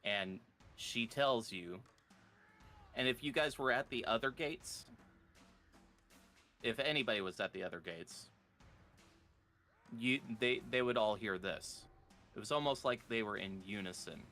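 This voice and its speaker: A man narrating a tabletop game as game master, describing scenes slowly. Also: lowish voice, pushed and bright, soft background music.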